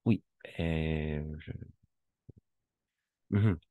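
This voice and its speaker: A man's voice: rumbling low, no echo, narrow, tinny audio. A man teaching French to a class, patient and repeating each word for the students. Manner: slow, patient, repeats words for drilling. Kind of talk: classroom lesson.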